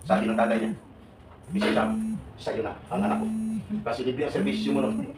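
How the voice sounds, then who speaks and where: Fast-talking older man in a hall. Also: high-pitched, a loud crowd. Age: 70s. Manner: animated, joking, questioning the audience. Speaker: OFW advocate speaking to workers. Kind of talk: live seminar talk to a crowd. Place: large hall with an audience. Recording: echoey hall, voice from far off.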